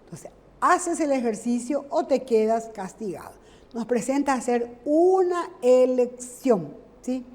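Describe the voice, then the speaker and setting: A woman teacher, giving a grammar lesson in a slow, deliberate way and checking in with her class. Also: high-pitched, mellow, in a large hall.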